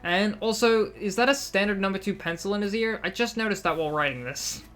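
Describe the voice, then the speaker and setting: A woman's voice: mid-range voice, a little fast, fairly bright tone, a little hiss or hum. A young woman casually commenting on gameplay, reading item text aloud in a chatty, self-mocking way. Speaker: game streamer.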